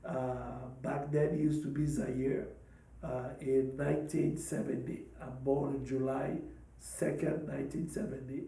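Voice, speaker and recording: A man in his fifties from Congo, a pastor and podcast host, telling his life story slowly and hesitantly, with many pauses and fillers. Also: medium pitch, level tone, creaky, warm tone, echoey room, distant mic, poor audio. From Democratic Republic of the Congo. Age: 50s. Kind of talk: personal testimony talk.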